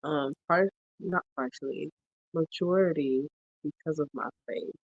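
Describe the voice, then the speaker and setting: Host: woman with a lowish voice, animated and playful, testifying about faith, slightly muffled dry recording. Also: a little slow, no echo. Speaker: podcast host. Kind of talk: casual chat.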